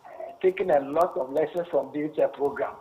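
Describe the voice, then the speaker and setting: A man calling in to a talk show over a bad, clipped phone line, speaking haltingly and checking whether he can be heard. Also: on the high side. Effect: crackly phone line with a bad connection. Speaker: caller. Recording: distant, clipped phone audio.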